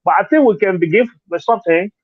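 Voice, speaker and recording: High-pitched, animated, and fast, a man with a Liberian accent fields interview questions as a political candidate over a tinny, dry phone line with no room sound. He sounds earnest, repeats words, and frequently says "you know."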